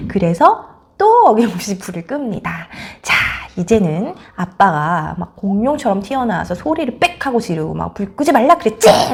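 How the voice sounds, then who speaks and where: Lively, animated woman giving a parenting talk. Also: a little high. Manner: explanatory, acts out examples vividly. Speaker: parenting expert. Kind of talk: parenting lecture.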